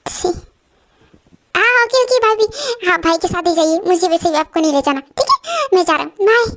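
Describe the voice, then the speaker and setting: A woman's voice: extremely high pitch, expressive, brisk, noisy background. A woman voicing a cheerful, apologetic young brother-in-law in an amateur voice-over drama. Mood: awkward.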